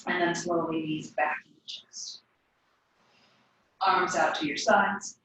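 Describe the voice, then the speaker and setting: A woman teaching a yoga class, giving calm cues timed to the breath. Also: on the low side, slow pace, a little hiss or hum. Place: yoga studio. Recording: echoey room, voice from a distance.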